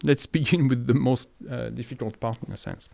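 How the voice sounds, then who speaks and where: A man's voice: mid-range voice, steady tone, fairly quick, vocal fry, a little mellow, no room sound. A man hosting an academic interview podcast, hesitant and searching for words as he frames questions. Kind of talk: conversational interview.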